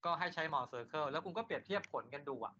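A man's voice: a little high, expressive, quick pace, sharp tone. A man lecturing an engineering class. He asks his students rhetorical questions and then answers them himself. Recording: lo-fi lecture recording.

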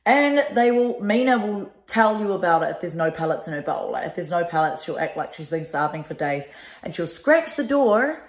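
A woman with a slightly low voice chats casually at home. She rambles with lots of "like" and slips into cooing baby-talk for her cats. The sound is close and handheld, as from a camera or phone. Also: very animated, moderate pace. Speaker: vlogger. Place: home, indoors.

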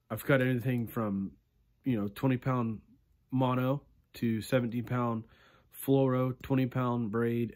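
Chatty man showing fishing gear. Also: medium pitch. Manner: relaxed, chatty, peppers lines with "right?" and "okay". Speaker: fishing channel host. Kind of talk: casual gear walkthrough. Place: small room indoors.

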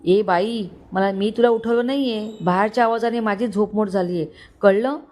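A woman's voice: mid-range voice, normal speed, darkish tone, close to an everyday voice. Woman doing a grumpy, short-tempered father. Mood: irritable. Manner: irritable, grumbling.

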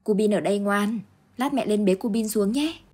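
A woman voicing a grieving young mother who pleads and cries out in a raised voice, with a husky tone. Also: moderate pace, warm tone, natural voice. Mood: gentle. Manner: pleading, crying out high.

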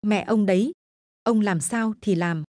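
A woman's voice: medium pitch, a little slow, dark tone, no room sound, clean studio sound, natural voice. A woman doing a spiteful, foul-mouthed village wife. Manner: bitter, snapping.

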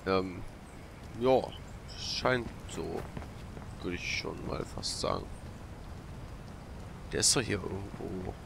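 A man's voice: low voice, slow pace, gravelly, pauses often. A man doing casual, slangy, grumbling gameplay commentary over game sounds. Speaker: let's player. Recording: loud game gunfire and vehicle noise. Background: shooter game sounds.

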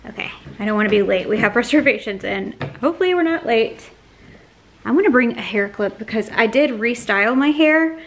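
A woman's voice: on the high side, expressive, a little fast, a little hiss or hum. A woman in her thirties, a lifestyle vlogger, talking to a handheld phone camera in a chatty, upbeat way with frequent laughs. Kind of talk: casual vlog talk to camera.

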